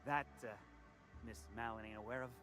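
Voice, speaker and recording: A man's voice: medium pitch, steady tone, a little fast, music in the background, natural voice. An actor playing a slippery, evasive male hustler in a video game, talking in stammering, wheedling sales patter. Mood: flustered. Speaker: game character.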